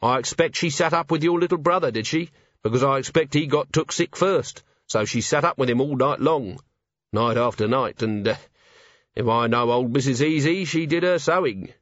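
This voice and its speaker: A man reading aloud and voicing a patient police commander who questions kindly and gently. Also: mid-range voice, moderate pace, no room sound, dull audio, voice pushed up, natural voice. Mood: gentle.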